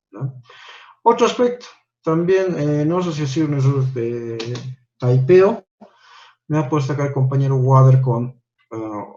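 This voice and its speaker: A man's voice: mid-range voice, warm tone, lo-fi sound. A man teaching an English class online, patiently correcting homework and checking in with "¿no?" after each point.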